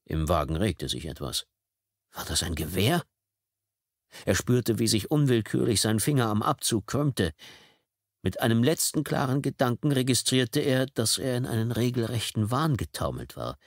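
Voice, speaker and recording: A man's voice: medium pitch, very animated, normal speed, no room sound. A man reading a thriller audiobook in a tense, dramatic storytelling manner from a close studio microphone. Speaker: audiobook narrator. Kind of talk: scripted audiobook narration.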